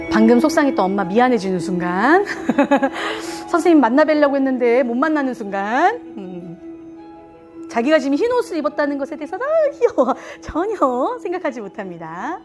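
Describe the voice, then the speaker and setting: A woman's voice: high voice, big pitch swings, normal speed, over music. A woman giving a live lecture to parents on communication styles, playful, often laughing and acting out what people say. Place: lecture room with a live audience.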